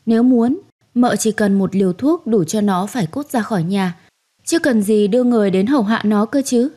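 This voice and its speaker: A young woman narrating a story in the first person in a calm, measured way. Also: medium pitch.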